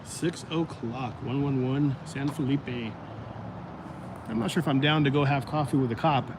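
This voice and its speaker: A man chats loosely to his livestream viewers, rambling from one thought to the next. His voice sits at an ordinary middle pitch and is starting to go out. Steady traffic and street noise come through clearly behind him. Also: moderate pace. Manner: rambling, chatty, addresses viewers directly. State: voice going out. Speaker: livestream host. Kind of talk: casual livestream chat.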